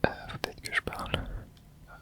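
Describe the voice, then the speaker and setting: A video creator speaks in a steady, hushed whisper, as quiet as someone up late at night. The delivery is casual and rambling ASMR game commentary, thinking aloud close to the microphone. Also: moderate pace.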